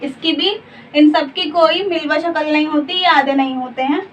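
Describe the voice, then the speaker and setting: A woman teaching a slow Urdu spelling lesson. She says each letter in turn, then reads out the whole word, and she asks the learner questions along the way. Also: sits high, steady tone. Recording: dull, muffled audio from a distance with faint background hiss.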